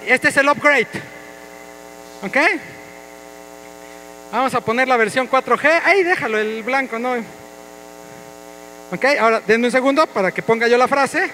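A man, a pastor leading an energetic, playful interactive sermon with his congregation in a church. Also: very high voice, moderate pace, pauses often, a little hiss or hum, poor audio. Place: church hall.

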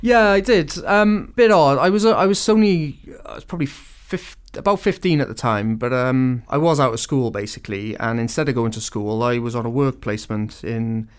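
A man talks casually on a radio show. He stops and restarts often as he searches for what to say, but his voice stays smooth and resonant. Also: mid-range voice, normal speed, hardly any pauses. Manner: hesitant, many ums and restarts.

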